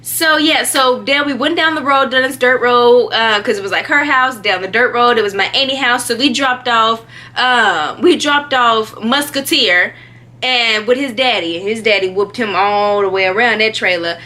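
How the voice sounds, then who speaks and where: A young woman telling a story in a casual, animated way, chatty and often laughing. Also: on the high side, moderate pace. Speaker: vlogger.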